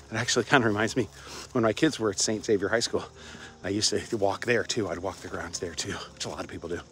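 On a casual walk-and-talk vlog across a suburban campus, an older Cincinnati man films himself with a phone at arm's length, wearing wireless earbuds. His low, fairly bright voice moves fairly quickly but with long pauses, full of fillers and chuckles, with slight background noise.

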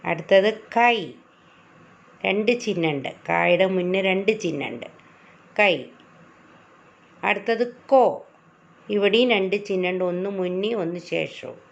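A woman's voice: fairly low pitch, measured pace, gravelly, long pauses. A woman teacher patiently explaining letters to children, step by step. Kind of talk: children's reading lesson. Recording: lo-fi recording.

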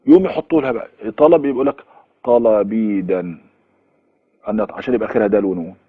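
Egyptian guy lecturing a course, quick, lists examples and repeats them, dull lo-fi dry audio. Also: medium pitch, expressive, husky, no room sound. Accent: Egyptian Arabic. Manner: explains by listing examples, then repeats them, with fillers. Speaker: university lecturer.

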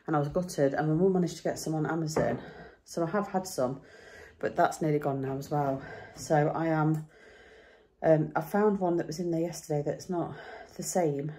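Chatty middle-aged woman, low voice. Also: dark tone, slight background noise. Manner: chatty, rambling, self-deprecating. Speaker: vlogger. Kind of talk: casual chat to camera. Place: home and back garden.

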